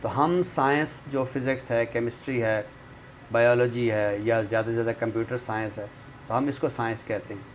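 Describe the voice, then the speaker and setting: Recorded in a clearly noisy room, a male literary expert guest explains things at a moderate pace with a medium pitch and steady tone. His manner is didactic and conversational, with frequent tag phrases to confirm the listener is keeping up.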